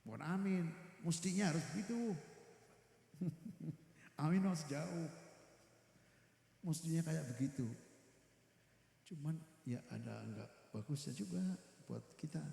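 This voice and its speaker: A middle-aged man, giving a religious teaching talk to a women's gathering in a large hall. His voice is gravelly and a little high, and he speaks slowly. He drives his points home by repeating them, in a very echoey room with a long reverb tail. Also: dark tone. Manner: emphatic, repeats key phrases, chats with the audience. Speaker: Quran teacher and preacher.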